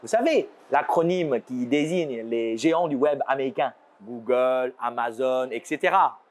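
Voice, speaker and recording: A man's voice: medium pitch, lively intonation, a little slow. A man from China, presenting a scripted educational segment and explaining with playful asides. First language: Chinese. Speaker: show host.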